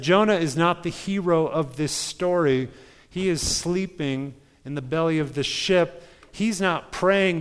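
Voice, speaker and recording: A man's voice: on the high side, clean tone, in a large hall. A male pastor preaching a sermon in a conversational storytelling manner, driving points home with rhetorical questions.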